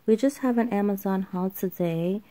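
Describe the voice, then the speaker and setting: A woman's voice: mid-range voice, normal speed, warm tone. A woman doing a casual voiceover for her craft haul video, tired, rambling and correcting herself as she goes. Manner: rambling, self-correcting, with fillers. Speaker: craft vlogger. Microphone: home voiceover microphone.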